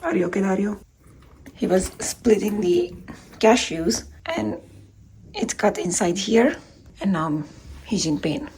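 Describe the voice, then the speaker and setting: A woman's voice: mid-range voice, animated, measured pace, long pauses, darkish tone. A woman, filming at home in the kitchen and playfully teasing the cook with questions. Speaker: vlogger filming her husband. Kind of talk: casual teasing chat.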